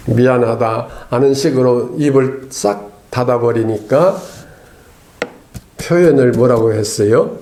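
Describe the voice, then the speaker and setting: A man's voice: mid-range voice, dark tone, reverberant. A man preaching a sermon as pastor, talking conversationally and tossing rhetorical questions and a questioning "eh?" at the congregation. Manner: tags lines with a questioning "eh?".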